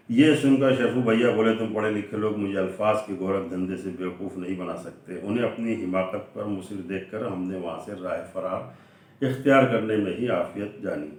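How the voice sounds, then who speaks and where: Male reader, lowish voice, comic essay read-aloud; very echoey room, mic far from him. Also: darkish tone. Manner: measured storytelling delivery, voicing quoted dialogue within the narration. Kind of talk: reading aloud a comic prose sketch.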